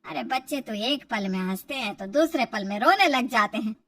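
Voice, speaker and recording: A woman voicing a stubborn, old-fashioned mother-in-law who talks loudly and dismissively in a storybook tale. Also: fairly high pitch, expressive, moderate pace, no room sound, clean studio sound. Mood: scolding. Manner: loud, scolding, dismissive.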